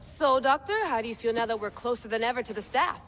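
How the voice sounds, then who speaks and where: In this game cutscene, a fairly high, slightly bright, natural-sounding female voice speaks fast as an intense, sardonic researcher and cell leader fixated on an artifact, pressing on regardless of warnings. Soft music plays, and the long-reverb room carries faint noise.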